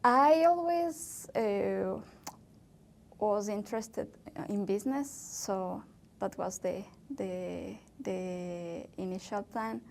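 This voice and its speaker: A young woman from Ecuador, a native Spanish speaker, answering interview questions in English slowly and hesitantly, with many fillers. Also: mid-range voice, gravelly, a little mellow, slight background noise. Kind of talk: oral history interview.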